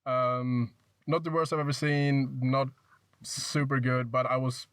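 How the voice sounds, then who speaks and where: A man's voice: mid-range voice, a little slow, smooth, no echo. Brief: casual male film critic on a podcast, dry close sound, easygoing and a bit hedgy. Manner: relaxed, hedging with fillers, leads the discussion. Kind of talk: casual film review chat. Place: inside a parked car.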